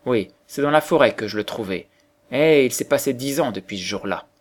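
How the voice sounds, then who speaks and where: A man voicing a plain, kindly old woodcutter who answers calmly. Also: medium pitch, a little fast, lightly acted.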